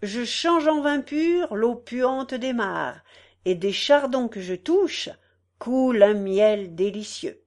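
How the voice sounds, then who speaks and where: A woman voicing a smug, greedy male election candidate who shouts grand promises in a storybook reading. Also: a little high, expressive, slow pace, pitched above the performer's own voice. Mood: grandiose.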